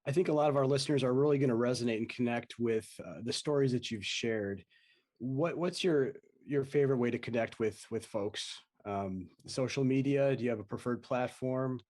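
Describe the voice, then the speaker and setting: A man's voice: mid-range voice, moderate pace, a little mellow. A man hosting a podcast interview, asking questions hesitantly and searching for his words. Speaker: podcast host.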